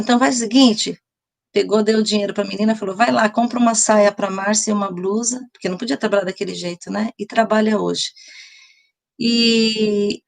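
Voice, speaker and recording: A woman's voice: medium pitch, vocal fry. Chatty middle-aged woman telling a story. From Brazil. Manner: chatty, rambling, restarts often and addresses viewers directly. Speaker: live stream host. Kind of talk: casual storytelling on a live stream.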